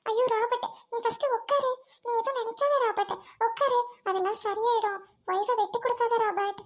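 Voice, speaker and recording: A gentle, caring young woman in a home-made drama, voiced by a woman. She speaks softly and soothingly, in a very high voice. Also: steady tone, fairly quick. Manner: soft, soothing, apologetic.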